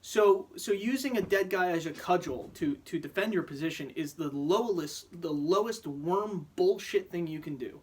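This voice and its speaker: A man's voice: sits high, normal speed, few pauses, a little mellow, breathy edge. A man venting in a profane, heated vlog rant, often stammering and restarting his sentences. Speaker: vlogger. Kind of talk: angry rant to camera.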